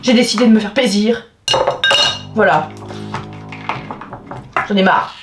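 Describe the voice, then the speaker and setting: A woman's voice: medium pitch, takes it slowly. A woman vlogger venting to her viewers in a casual, exasperated way, with theatrical outbursts and swearing. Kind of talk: venting to camera, casual vlog. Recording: echoey room with faint music.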